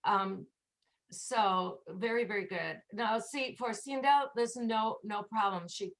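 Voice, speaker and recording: A woman's voice: medium pitch, slow pace. A woman teaching English pronunciation in an online class, patiently demonstrating sounds. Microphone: video call.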